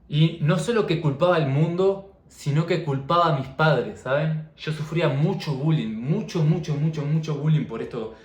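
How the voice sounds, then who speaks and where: A man's voice: on the high side, moderate pace, few pauses, roomy sound. A young man, a coach talking earnestly and repetitively to camera in a personal vlog. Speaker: mindset and fitness coach.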